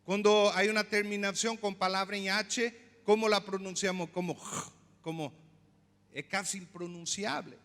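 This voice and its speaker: A male pastor preaching a sermon, explaining slowly, repeating words and asking the congregation questions. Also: high-pitched, steady tone, fairly bright tone, big-room sound. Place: church.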